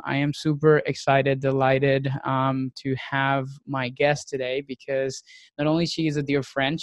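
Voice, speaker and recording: A Venezuelan nutrition coach with a medium-pitched voice hosts a podcast, opening with an introduction and moving into an interview. He talks casually with lots of ums and restarts, and the recording is dry.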